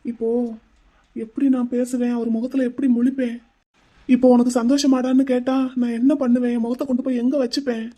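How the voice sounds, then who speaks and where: A man voicing a troubled young man in an animated drama, speaking earnestly and with distress. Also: extremely high pitch, fairly quick.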